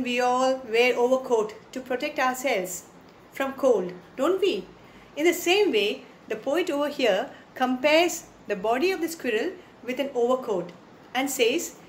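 A woman's voice: high-pitched, echoey room, slight background noise. A woman teacher with an Indian English accent, explaining a poem to her class, repeating lines and asking the children questions.

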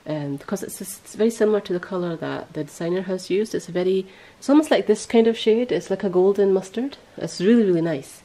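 A woman hosting a podcast in casual chat, rambling and correcting herself as she goes, her voice a little hoarse. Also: medium pitch, fast, hardly any pauses, warm tone, low-quality recording. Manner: chatty, rambling, self-correcting. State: voice going hoarse. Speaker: podcast host.

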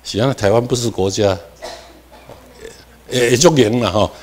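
A man with a Taiwanese accent giving a classroom lecture, moving between Hokkien and Mandarin, dropping in English terms and asking himself questions as he goes. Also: normal speed. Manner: animated, with sudden rises in pitch and volume for emphasis. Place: lecture room.

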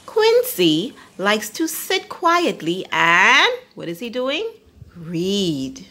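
Slow, lively woman reading to children. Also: mid-range voice, slight background noise. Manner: teacherly, asks listeners questions. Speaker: storyteller. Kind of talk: children's read-aloud.

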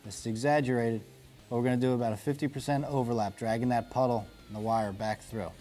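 A man in his forties teaches welding in a practical, step-by-step way. His voice sits at an ordinary middle pitch and he speaks from an indoor workshop on a lapel mic. Faint music plays underneath. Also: steady tone, fast. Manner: plain, practical step-by-step explaining. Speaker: welding instructor. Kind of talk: instructional demonstration. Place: indoor workshop garage studio.

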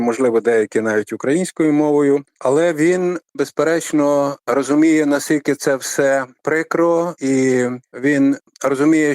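An older man, a literary scholar, explaining at length in a radio interview with a measured, lecturing manner and frequent hesitations. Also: medium pitch, darkish tone, dry recording. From Ukraine.

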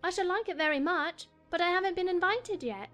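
A woman's voice: very high-pitched, fairly quick, a bit bright, highs cut off, soft background music. A woman playing a curious, polite young girl in a dramatized storybook audiobook, full of questions.

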